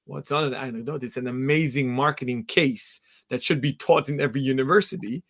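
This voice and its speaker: A man hosting a live interview show, asking questions in an energetic, enthusiastic way. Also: mid-range voice, a little fast. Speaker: podcast host.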